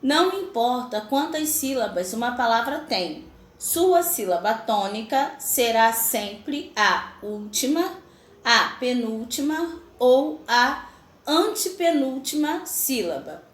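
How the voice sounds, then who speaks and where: A woman teaching children a grammar lesson, speaking slowly and carefully and calling herself their auntie. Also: on the high side, very animated. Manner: calls herself "a tia", addresses pupils directly. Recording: echoey room with faint noise.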